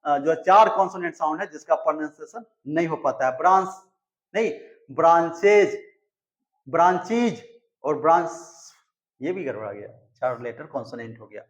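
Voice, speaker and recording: A man teaching a grammar lesson. He explains slowly, repeats himself and sounds out example words. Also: fairly high pitch, expressive, muffled recording. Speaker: English teacher.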